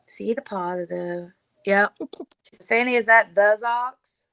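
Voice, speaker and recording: A livestream host speaks from home at a slow pace, her medium-pitched voice creaky yet clean and fairly bright. She chats casually, laughs, and reads viewer comments aloud, in a rough recording with no room sound.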